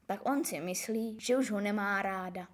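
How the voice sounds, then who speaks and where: A woman doing a hollow-voiced mournful gentleman. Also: mid-range voice, pitched below the performer's own voice, lightly acted. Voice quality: hollow, sepulchral voice. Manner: slow, mournful.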